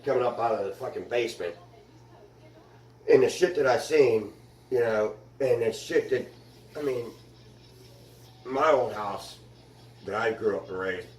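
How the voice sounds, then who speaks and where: A man's voice: mid-range voice, measured pace, pauses often, darkish tone, reverberant, far from the mic, poor audio. A man rambling through his spooky experiences in a casual interview, swearing freely.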